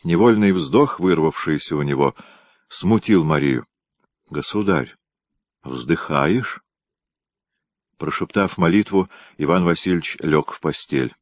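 A man reading a historical story aloud in a measured, unhurried way. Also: sits low, no echo. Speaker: narrator. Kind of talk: audiobook narration.

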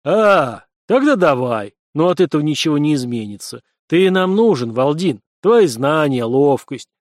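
A blunt, gruff giant Norse warrior, as a male audiobook reader puts him on, speaking plainly and a touch raised. The sound is dry and close. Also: on the high side, sing-song, moderate pace, dry recording.

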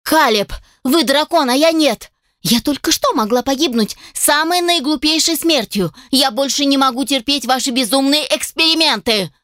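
A woman voicing a furious young elf woman assistant in an audiobook, with shrill, squealing outbursts. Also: normal speed, fairly bright tone, dry recording, studio quality. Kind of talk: audiobook character voice.

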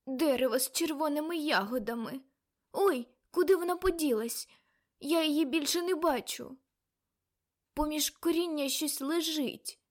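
An elderly great-aunt caught in a prophetic trance, as a woman reader puts her on, her voice lifted well above a normal speaking pitch and pushed loud. She speaks in a dreamy, faraway way that turns shrill and frightened. This is an audiobook character.

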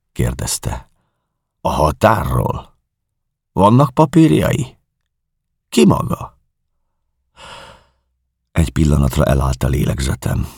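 A man with a very deep, gravelly voice reads a novel aloud at a measured, calm pace. His tone has a husky grain and swings noticeably in pitch as he tells the story. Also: dry recording, studio quality. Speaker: audiobook narrator. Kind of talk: audiobook reading of a novel.

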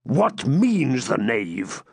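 Voicing an enraged, cruel, middle-aged Norman baron, a male audiobook narrator bellows slow, heavy, threatening demands in a full character voice. The medium pitch is pushed up, very animated, creaky, and breathy-edged, rising and falling with fury. The audio is close and dry, without echo.

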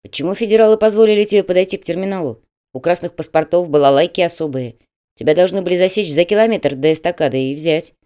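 A woman voicing a stern middle-aged male admissions manager who talks in a brisk, official and mocking way. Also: on the low side, dark tone, smooth, lightly acted.

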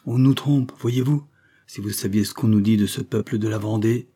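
A man's voice: lowish voice, fairly even intonation, moderate pace, dark tone, slightly rough. A man reading the part of a frightened, wounded republican stranger who speaks in a theatrical, effusive way. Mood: anxious.

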